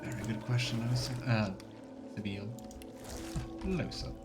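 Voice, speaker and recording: Over game music, a streamer plays a fantasy RPG and offers casual let's play commentary, thinking aloud and murmuring to himself. He speaks at normal speed in an expressive voice on the low side.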